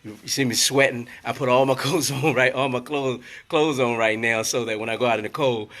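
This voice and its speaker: A man who is under the weather, his voice rumbling, hosts a casual motivational live stream from inside his closed hair salon, talking into a phone. He rambles and repeats himself, with many fillers. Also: fairly bright tone. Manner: rambling, repetitive pep talk with many fillers.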